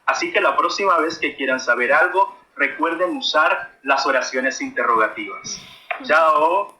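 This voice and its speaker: A man's voice: medium pitch, animated, normal speed, bright, forceful tone, echoey room, low-quality recording. A man giving a friendly grammar lesson to children and asking them questions. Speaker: teacher.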